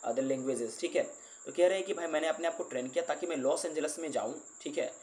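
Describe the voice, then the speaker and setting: A male teacher who explains an English book line by line, reading the English passages slowly before explaining them. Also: fairly high pitch, darkish tone.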